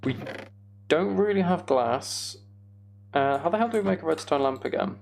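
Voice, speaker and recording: A man with a fairly high, darkish, expressive voice and some vocal fry speaks at normal speed, with a little hiss or hum audible. He mutters to himself during a casual game stream, thinking aloud to work things out.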